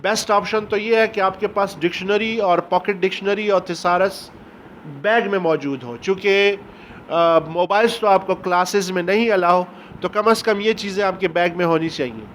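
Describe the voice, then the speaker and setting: A man, an English teacher giving a recorded lecture, explaining step by step and reading English passages slowly. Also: high voice, fairly bright tone, a little hiss or hum. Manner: explains step by step, often asks "ٹھیک ہو گیا؟".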